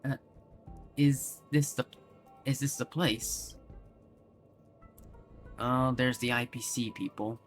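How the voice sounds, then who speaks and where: A man's voice: medium pitch, fairly even intonation, slow, long pauses, soft background music. A man streaming a game, musing casually and rambling through his thoughts.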